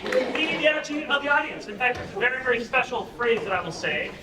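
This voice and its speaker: A young man with a bright, high voice emcees an improv show, joking around and pumping up the audience. He is caught from a distance in an echoey venue. Loud crowd noise rings out behind him. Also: quick pace. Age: young adult. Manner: energetic, joking, hyping the crowd. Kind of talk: live stage emcee warm-up.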